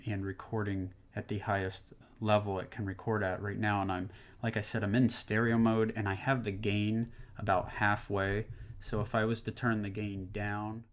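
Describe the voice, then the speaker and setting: Man, low voice, casual rambling tech demo, desk condenser mic, home room. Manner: easygoing, rambling, lots of fillers. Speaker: tech reviewer. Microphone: condenser desk microphone, distance changing.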